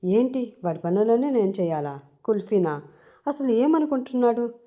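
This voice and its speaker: A woman's voice: on the high side, lively intonation, normal speed, warm tone, highs cut off, pitched above the performer's own voice, natural voice. A woman voicing a young woman held captive, indignant and pleading, grumbling under her breath. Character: young captive woman, defiant yet frightened.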